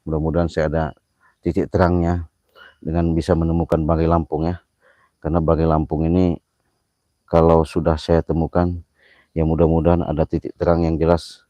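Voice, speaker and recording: A man live-streaming a night ghost hunt outdoors on a hillside, who yells challenges at spirits and mutters prayers in between. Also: rumbling low, monotone, brisk, pauses often, no room sound. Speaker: paranormal vlogger.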